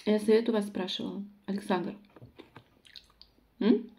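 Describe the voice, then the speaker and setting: A woman's voice: medium pitch, fairly even intonation, a little slow, dark tone. A woman vlogging to viewers while eating, talking bluntly and sarcastically with her mouth full of food. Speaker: mukbang vlogger.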